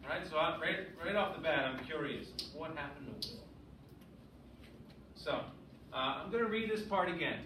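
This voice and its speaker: A man with a slightly high voice speaks at normal speed, leaving long pauses, his delivery pushed and bright. He's teaching an English lesson to grade schoolers, reading aloud and frequently asking short questions to check they follow. The recording is echoey and noisy, captured by a distant mic.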